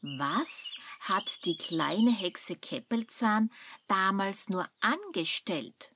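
A woman narrating a children's story in an expressive, suspenseful way. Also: mid-range voice, drawn-out words, a little hiss or hum.

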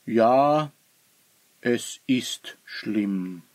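A man playing an old, wise wizard who speaks slowly and thoughtfully in a children's story. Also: medium pitch, lively intonation, darkish tone, no room sound. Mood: grave. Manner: slow, musing, grave.

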